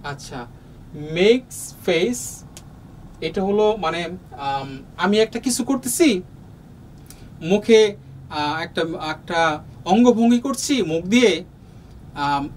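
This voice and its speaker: Slow, patient Bangladeshi man teaching. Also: sits high, far from the mic, poor audio. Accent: Bangladeshi Bengali. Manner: slow, patient, with many pauses and fillers. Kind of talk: explaining a lesson to young students. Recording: voice from off the mic, faint room noise.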